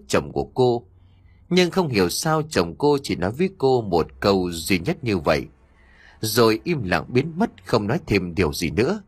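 A man narrating an audiobook story in an expressive, dramatic way. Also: fairly low pitch, breathy edge, no room sound.

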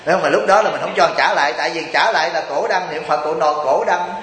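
A man's voice: on the high side, fast, fairly bright tone, reverberant, in a large hall, poor audio. A Buddhist monk from Vietnam gives a chatty, joking sermon, teasing his listeners and asking them rhetorical questions.

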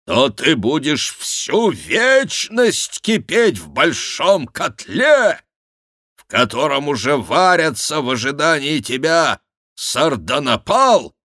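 Casting: a man playing a solemn voice from above, slow, preaching, dry studio sound. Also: medium pitch, sing-song, a bit bright, dry recording, pitched above the performer's own voice. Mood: stern. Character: booming male voice posing as God, stern.

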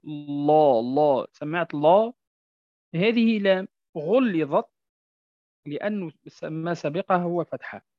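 A man teaching a Quran recitation lesson. He explains each rule, stretches example words out slowly, and keeps checking that his listeners follow. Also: high voice, no echo. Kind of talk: tajweed lesson. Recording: dull, dry lo-fi recording.

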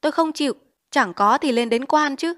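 A woman's voice: high voice, normal speed, a bit bright, pitched above the performer's own voice. A woman voicing a hot-tempered male village chief, blustering and giving orders in a storybook reading. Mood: angry.

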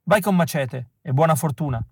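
A man's voice: fairly high pitch, moderate pace, husky, dry recording, clean studio sound. A man doing a bored tattooed gatekeeper. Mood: friendly. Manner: bored and dismissive. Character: lazy tattooed gum-chewing male gatekeeper.

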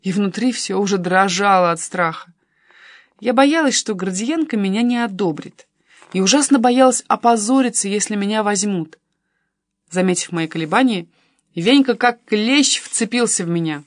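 A woman narrating a first-person audiobook as the heroine, in a wry, self-doubting, measured way. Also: mid-range voice, dry recording, studio quality.

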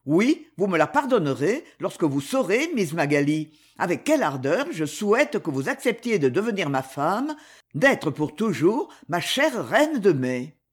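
A man's voice: sits high, very animated, unhurried, breathy edge, full character voice. A reader voicing a proud young male duke who earnestly pleads for a marriage, in an audiobook. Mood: pleading.

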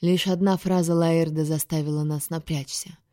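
Woman narrating an audiobook in a low, mellow voice. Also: steady tone, moderate pace, no room sound, studio quality. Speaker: audiobook reader. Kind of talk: first-person science-fiction audiobook narration.

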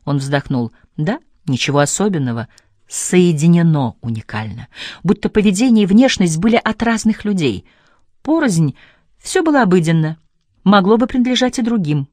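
Measured woman reading a novel. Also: low-pitched, a little mellow, dry recording, studio quality. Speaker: audiobook narrator. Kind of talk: scripted narration.

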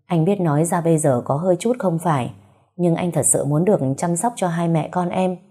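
Woman reading as a calm, gentle young doctor. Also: fairly low pitch, fairly quick, close to an everyday voice. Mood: soothing.

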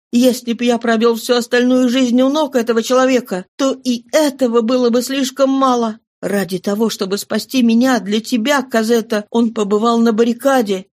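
A woman's voice: on the high side, voice pushed up, lightly acted. A woman voicing an ardent young man. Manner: emphatic, impassioned. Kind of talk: audiobook reading.

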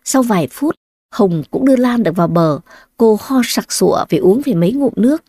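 A woman narrating a scripted story in an even storytelling manner. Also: medium pitch, fairly quick, no echo, clean studio sound.

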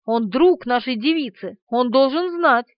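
A woman voicing an impatient police officer who lays out plans in a brisk, bossy way. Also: high-pitched, expressive, no echo. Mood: scheming. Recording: dull lo-fi audiobook recording.

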